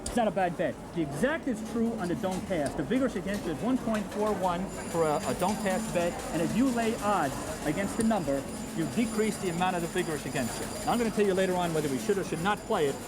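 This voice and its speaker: A man as a high-voiced craps instructor, on worn VHS tape. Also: expressive, fast talker, heavy background noise. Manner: drills odds patiently, checks in with "okay?". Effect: worn VHS tape copy. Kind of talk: instructional video teaching. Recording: music underneath, old tape copy.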